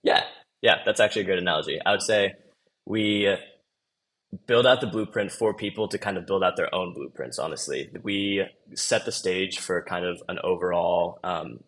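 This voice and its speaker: A young marketing manager from Los Angeles, USA, chats as a guest on a podcast in a loose, easygoing way. It's a casual interview, and his voice is low-pitched and a bit bright.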